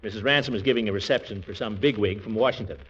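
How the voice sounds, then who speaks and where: An actor playing a pompous, blustering middle-aged uncle in a 1940s radio comedy, exclamatory and theatrical. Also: male voice, on the low side, fast, a bit bright, breathy edge. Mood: self-important. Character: pompous, blustering middle-aged uncle, vain small-town big shot. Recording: muffled vintage 1940s radio recording.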